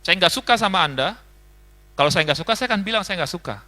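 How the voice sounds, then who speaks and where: A man's voice: high-pitched, fast talker, sharp tone. A man voicing a blunt, bossy, domineering man who gives commands and dismisses others.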